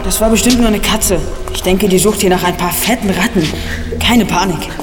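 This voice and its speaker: A clever, calm boy detective played by a voice actor in an audio drama, echoing through a long reverb over music. He explains things in a reasoned way. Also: medium pitch, normal speed, close to an everyday voice. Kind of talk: German audio drama acting. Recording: echoey tunnel reverb, music behind.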